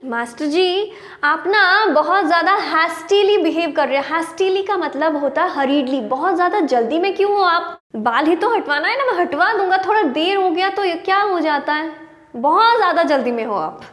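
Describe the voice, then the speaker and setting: A woman's voice: very high-pitched, animated, moderate pace, fairly bright tone. A woman teacher, patiently explaining an English story and word meanings in a lesson. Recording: roomy room with long reverb.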